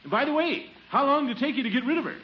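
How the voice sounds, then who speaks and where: An actor playing a pompous, put-upon middle-aged head of household in a 1940s radio comedy, grumbling theatrically. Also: male voice, very high-pitched, animated, very fast. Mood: eager, scheming. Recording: noisy, muffled 1940s radio broadcast.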